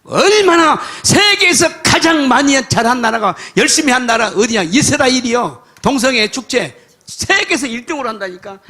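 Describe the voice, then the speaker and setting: An older pastor preaches a sermon in a folksy, storytelling style, sinking to soft mutters and climbing to shouts. His voice is extremely high-pitched and animated, delivered at a normal speed.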